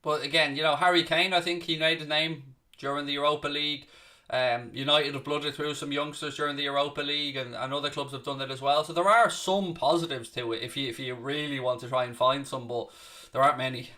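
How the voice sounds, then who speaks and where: His voice bright, forward and slightly high, a young Dublin-accented man from Ireland keeps a steady tone and brisk pace while hosting a live football watchalong. He is chatty and blunt, swears now and then, and breaks from calling the match to answer viewers.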